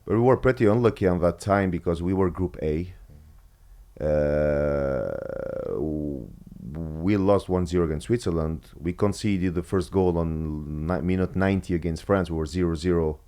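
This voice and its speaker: Very deep-voiced man with Albanian accent. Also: mellow. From Kosovo. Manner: halting, many fillers and restarts. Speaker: guest, former footballer. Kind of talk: casual interview.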